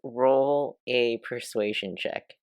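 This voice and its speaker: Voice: mid-range voice, slow, clear, resonant tone, dry recording, studio quality. The game master of a tabletop game, narrating scenes and rulings with a playful manner and frequent laughter.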